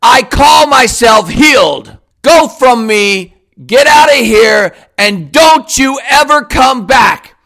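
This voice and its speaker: Male, very high voice, slow and bright, commanding prayer declarations. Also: animated. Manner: commanding, forceful, repetitive declarations.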